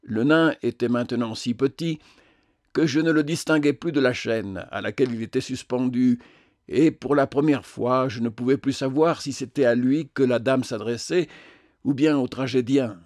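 A man's voice: mid-range voice, darkish tone, no echo. Man narrating an audiobook, dry sound. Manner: measured literary reading. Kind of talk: scripted narration.

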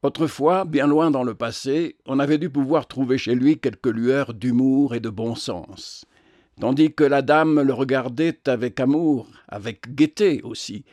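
A man reading a novel aloud in measured, literary narration. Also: mid-range voice, a little mellow, dry recording. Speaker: audiobook narrator. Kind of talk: scripted narration.

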